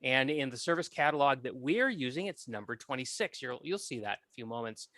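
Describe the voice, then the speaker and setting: A man hosts a podcast with a bright, forward voice. He explains things in a friendly, clear way. The sound is close and dry. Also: medium pitch, expressive, a little fast, dry recording. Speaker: podcast host. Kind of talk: podcast introduction.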